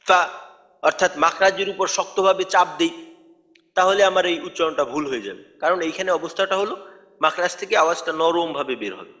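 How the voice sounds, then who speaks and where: High-voiced man teaching letter sounds. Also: a bit bright, long reverb tail, dull audio. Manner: patient, repeats letter sounds to demonstrate pronunciation. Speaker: tajweed teacher. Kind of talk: recorded online lecture.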